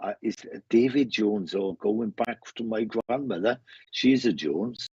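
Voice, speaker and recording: A medium with a Welsh accent greets viewers in a casual live online show, rambling and often repeating phrases. He speaks at a measured pace in a lowish, darkish voice that is creaky and slightly rough, over muffled, roomy stream audio.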